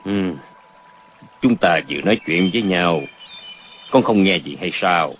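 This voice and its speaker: A man's voice: low-pitched, measured pace. An actor playing a kind, indulgent middle-aged father in a martial-arts story, in a dull lo-fi recording with faint noise. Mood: gentle.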